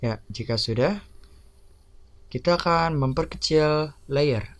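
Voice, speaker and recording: A man narrating a step-by-step software tutorial over a screen recording, giving plain instructions one by one. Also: fairly high pitch, slow.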